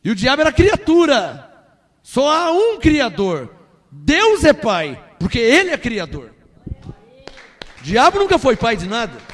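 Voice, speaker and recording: A man preaching a sermon as pastor, forceful and emphatic, pressing the congregation with rhetorical questions. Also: extremely high pitch, huge pitch swings, measured pace, long pauses.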